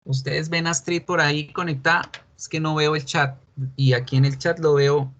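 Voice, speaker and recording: A man's voice: fairly high pitch, steady tone, normal speed, fairly bright tone. Chatty man teaching an online class. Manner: chatty, jokey, calls on students by name. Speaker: English teacher.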